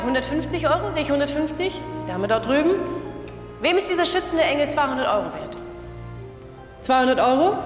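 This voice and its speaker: An actress playing a poised, friendly young auctioneer in a film drama, addressing the room formally and calling out bids. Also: female voice, a little high, lightly acted. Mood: brisk, inviting. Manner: clear, formal public address, repeating bids. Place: large auction room, at a podium. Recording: echoey hall, faint music behind.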